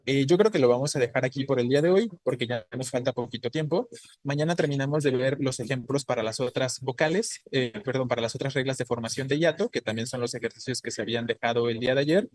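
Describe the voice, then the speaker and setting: A Spanish teacher gives an online class lecture on grammar, speaking quickly at a medium pitch with no room sound. He explains patiently and keeps checking in with his students through short tag questions.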